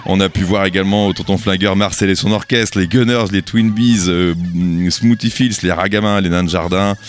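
A middle-aged man presenting a radio show unscripted, in a halting, hesitant way. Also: sits low, fairly even intonation, faint music behind. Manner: hesitant, stretching out words. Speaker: radio host.

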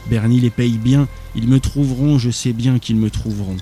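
A man's voice: medium pitch, fairly even intonation, moderate pace, warm tone, faint music behind, natural voice. A man voicing a terrified wounded young man who has been clawed and blinded, pleading frantically. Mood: frantic.

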